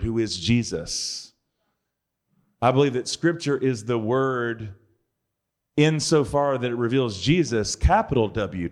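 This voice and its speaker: A man gives a relaxed, conversational sermon in an ordinary, mid-pitched voice. He mixes earnest points with dry, joking asides. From United States. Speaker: preacher.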